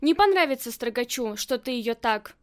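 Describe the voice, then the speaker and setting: A hardened woman gang boss in an audiobook, dry and wry even while hurt, read by a woman. Her lines come out high and light. She speaks in short, terse remarks. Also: moderate pace, clear, resonant tone, natural voice.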